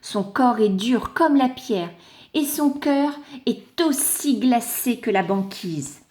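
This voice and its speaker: A young woman reads a picture-book story aloud in an unhurried way, pausing to explain words for little listeners. Her voice sits high and moves with a lot of lilt. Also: lively intonation. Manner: gentle, explains words for children. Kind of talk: reading a children's story aloud.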